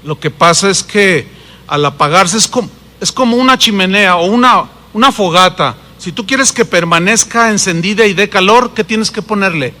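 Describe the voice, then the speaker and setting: A man preaching a sermon as a pastor, with a Mexican Spanish accent, animated and swinging between loud and hushed delivery. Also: sits high, moderate pace, long reverb tail.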